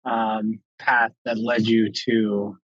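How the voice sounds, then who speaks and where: A man's voice: on the low side, flat delivery, takes it slowly, fairly bright tone, dry recording. A man interviewing a guest over a video call, talking in an easygoing, hesitant way with many fillers. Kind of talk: casual video call chat. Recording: dull, dry video call audio.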